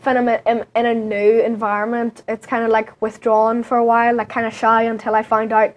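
A woman's voice: a little high, completely flat delivery, brisk. A young woman with a Northern Irish accent, a guest on a chat show, talking in a bubbly, giggly way. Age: young adult. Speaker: guest model. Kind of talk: casual chat.

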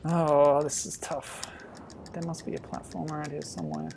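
A man casually commenting on a retro game as he plays, thinking aloud with sudden loud exclamations. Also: fairly high pitch, sing-song, moderate pace, vocal fry, background noise. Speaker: streamer.

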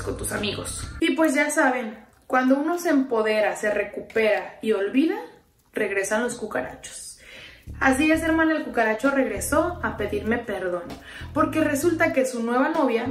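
A woman's voice: a little high, lively intonation, normal speed. A young woman with a Mexican accent telling a dramatic storytime in a gossipy, sassy way. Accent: Mexican Spanish. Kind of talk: storytime narration. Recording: roomy, distant, faint music.

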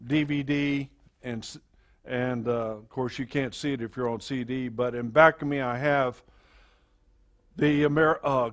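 A male pastor delivers a sermon into a pulpit microphone. He speaks very slowly at a middle pitch, pausing often with fillers and restarting his phrases. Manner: slow, halting delivery with many fillers and restarts. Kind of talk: sermon to a congregation.

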